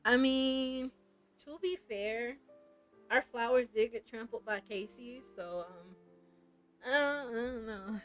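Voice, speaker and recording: A young woman reading a story game aloud, breaking into chatty, excited asides. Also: fairly high pitch, slow pace, soft background music, poor audio. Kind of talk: casual playthrough narration.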